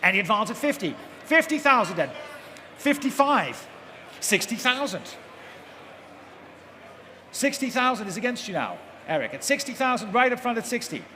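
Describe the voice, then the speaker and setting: Working the crowd at a large auction hall, a male auctioneer calls bids in a repetitive live chant, pressing bidders for the next number. His voice is very high, bright, and forceful, and the amplified event echoes amid the noise.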